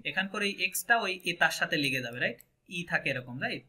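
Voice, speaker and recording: A man with a Bangladeshi Bengali accent leads a French lesson and keeps checking that his students follow. His voice is very bright and sits a little high. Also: lively intonation, brisk. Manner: patient, asks checking questions often. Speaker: French teacher. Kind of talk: online language class.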